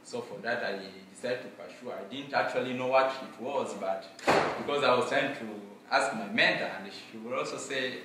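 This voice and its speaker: A young adult man from the Democratic Republic of Congo, a native Mashi speaker, gives an earnest, formal student presentation to an audience, with many filler pauses. He speaks in a mid-range voice inside a library room lined with bookshelves. The recording comes from a distant camera, sounding echoey, far off and very noisy.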